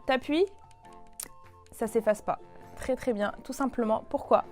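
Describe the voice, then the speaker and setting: A woman's voice: fairly high pitch, a little slow, faint music behind. A young woman casually presenting a toy to the camera, with lots of fillers and restarts. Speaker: toy review YouTuber.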